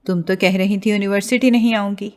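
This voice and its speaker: A woman's voice: mid-range voice, fairly even intonation, natural voice. A woman voicing a friendly young female friend who talks in a coaxing, cheerful way.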